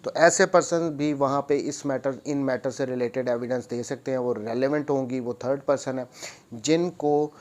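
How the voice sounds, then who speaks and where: The lecturer, a man with a Pakistani accent, reads law statutes aloud and explains them in a mix of English and Urdu, repeating phrases. His voice is mid-range with fairly even intonation at a normal speed.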